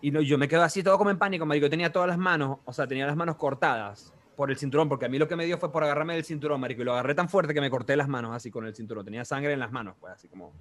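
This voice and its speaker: A young man in his twenties with a Venezuelan accent, telling a story in casual chat, animated and full of slang and sound effects. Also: on the high side, racing, hardly any pauses.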